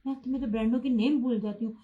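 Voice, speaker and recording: An online clothing seller with a high voice runs a live-stream sales pitch, talking fast in a steady tone over phone-quality sound. She is chatty, addresses viewers by name, and insists on low prices.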